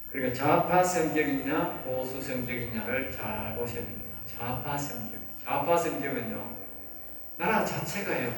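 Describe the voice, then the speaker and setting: A pastor with a Gyeongsang Korean accent and a gravelly, mid-range voice lectures a seminary class in a church lecture room. He speaks emphatically, repeats key phrases and keeps checking that everyone follows. The mic is distant in a very echoey room, with faint background noise.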